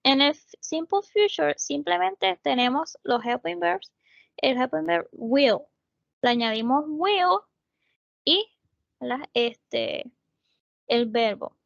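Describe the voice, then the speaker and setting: A woman tutor with a Puerto Rican accent talks in an unhurried way and keeps checking that her students follow. Her fairly high voice carries a gravelly edge. The sound is close and dry, dulled by lo-fi call audio. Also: animated, a bit bright, no echo. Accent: Puerto Rican Spanish. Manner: patient, explains step by step, keeps checking with "¿verdad?". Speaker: English tutor. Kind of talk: online tutoring lesson.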